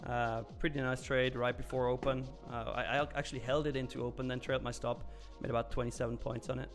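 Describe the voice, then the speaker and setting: This man's mid-range voice is flat in delivery and fast, with soft music behind it. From Switzerland, he hosts a live trading stream, answering viewer comments in loose, candid talk sprinkled with fillers and occasional cursing.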